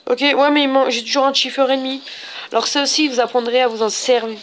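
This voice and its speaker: A woman's voice: sits high, fairly even intonation, fast talker, a little hiss or hum. Rambling, hesitant woman narrating gameplay. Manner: hesitant and rambling, with many fillers and restarts. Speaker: let's play host. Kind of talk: casual gameplay commentary.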